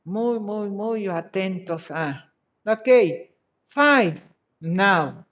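A bright, forceful mid-range voice leads a live exercise review as an English teacher praises each answer briefly and switches between English and Spanish. The pace is slow and deliberate, and the recording sounds dull and lo-fi.

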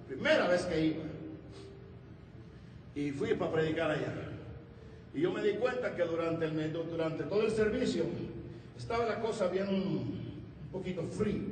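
A man preaching a fervent Pentecostal sermon, telling stories with frequent hallelujahs, recorded from a distance in a church. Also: on the high side. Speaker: pastor. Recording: echoey hall, distant mic, faint noise.

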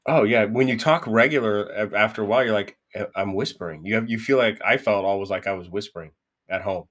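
A man who co-hosts a restaurant podcast and talks in a casual, animated way, swearing now and then. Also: on the low side, fast talker. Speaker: podcast co-host, former restaurant chef. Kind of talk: casual chat.

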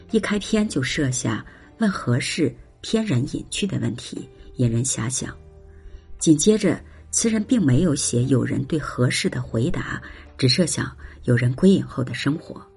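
Breathy, airy voice, lively rise and fall, slow expressive poetry recitation, soft music behind. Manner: drawn-out, expressive delivery with wide swings in pitch. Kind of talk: slow poetry recitation then explanatory commentary.

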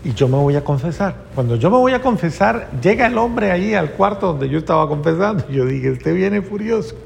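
A man's voice: on the high side, sing-song, fairly quick, gravelly, a little mellow. A male priest preaching a sermon around a personal story, earnest and emotional, repeating phrases for emphasis. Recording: long reverb, faint background noise.

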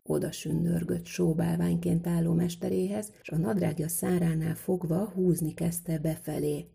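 A woman's voice: on the low side, little pitch movement, vocal fry, warm tone, breathy edge. A woman reading a folk tale aloud in a vivid, rhythmic storytelling manner.

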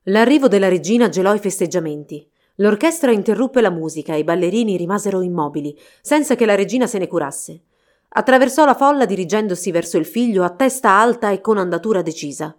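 A woman narrating a fairy tale storybook in a steady, expressive reading. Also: mid-range voice, fast talker.

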